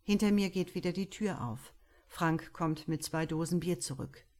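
A woman narrating a first-person literary story in a calm, measured way as an audiobook reader. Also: on the low side. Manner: calm, measured, unhurried delivery.

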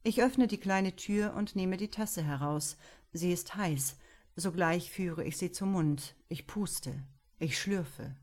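A woman reading a first-person story aloud with calm, measured delivery. Her voice is on the low side, and she takes her time over every phrase. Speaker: audiobook narrator.

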